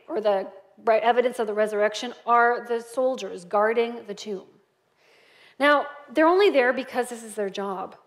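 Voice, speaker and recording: High-voiced woman preaching an Easter sermon. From Canada. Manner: storytelling, dynamic, shifts between soft and animated. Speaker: pastor.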